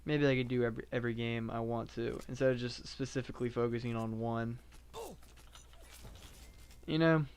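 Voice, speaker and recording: Man, gamer live-streaming, casual rambling chat, monotone, smooth resonant voice. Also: mid-range voice, moderate pace, pauses often. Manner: rambling, filler-heavy, self-described monotone.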